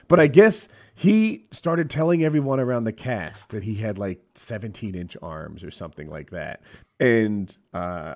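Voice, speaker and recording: A man's voice: medium pitch, a little mellow. Man rambling with stumbling restarts. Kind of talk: casual chat.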